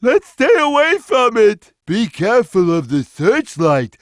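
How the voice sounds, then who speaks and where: Big dopey friendly cat from a video game, talks real slow n earnest, kinda high for a guy. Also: sing-song, no echo, studio quality. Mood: alarmed, then easygoing, earnest. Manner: slow, simple, earnest delivery. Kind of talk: video game character lines.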